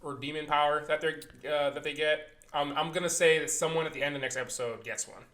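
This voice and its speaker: Brief: young male podcast co-host, fast talker with a brightish, slightly high voice, profane and excitable in casual anime chat. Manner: excited, profane, acts out scenes in quick bursts.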